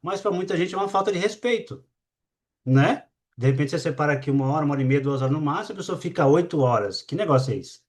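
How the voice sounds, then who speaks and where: A man with a Brazilian accent leading a live online class, talking to his audience in a lively, demonstrative way and shifting his energy on purpose. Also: a little high, quick pace. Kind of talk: live webinar talk to an audience.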